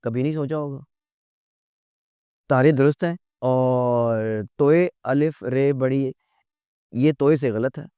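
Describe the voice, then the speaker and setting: A man teaching a lecture, asking rhetorical questions and answering them himself, spelling words out slowly letter by letter. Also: medium pitch, mellow, clear, resonant tone, no room sound, studio quality.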